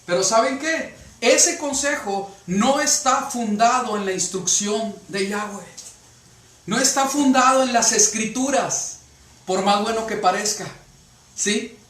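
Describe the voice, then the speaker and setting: A man's voice: high-pitched, a little slow, a bit bright. A man preaching a sermon to a congregation, often checking with rhetorical questions. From Mexico. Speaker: pastor. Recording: echoey room from a distance.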